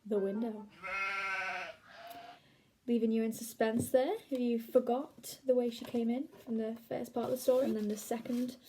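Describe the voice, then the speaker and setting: A young woman reading silly stories aloud in a mock-boastful, deadpan comic style, with playful voices for the characters. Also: on the high side, moderate pace, a little hiss or hum, poor audio. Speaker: comedic self-styled author reading her own stories.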